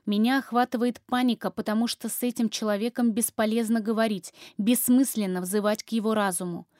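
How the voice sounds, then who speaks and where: A woman's voice: fairly high pitch, fairly even intonation, brisk, darkish tone, no echo. Woman reading a novel, dry close mic. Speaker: audiobook reader. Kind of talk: first-person audiobook narration.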